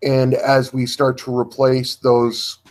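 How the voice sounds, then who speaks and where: A man talking slowly in a livestream discussion, pausing often and searching for his words as he builds his argument. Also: mid-range voice, monotone, darkish tone.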